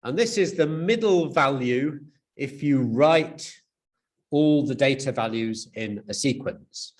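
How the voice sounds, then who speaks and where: A man's voice: medium pitch, lively intonation, slow. A man giving a university lecture, explaining step by step, with frequent fillers and restarts.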